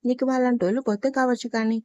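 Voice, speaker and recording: Roni, a cocky swaggering henchman, sneering and threatening, close and dry, in a storybook reading, as a woman narrator puts him on. The voice sits fairly high with a mellow, warm tone. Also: fairly even intonation, fast talker, dry recording, muffled recording, natural voice. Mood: menacing. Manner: mocking, threatening. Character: cocky menacing male thug, swaggering henchman.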